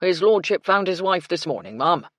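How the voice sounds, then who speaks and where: A woman's voice: lowish voice, lively intonation, normal speed, no room sound, clean studio sound. A woman narrator voicing a pompous, officious male village constable in an audiobook.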